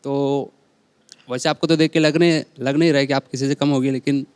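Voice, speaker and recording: A man's voice: mid-range voice, steady tone, brisk, darkish tone, smooth, dry recording. A man from the studio audience, politely and a bit nervously putting a question to the guests. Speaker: audience member asking a question.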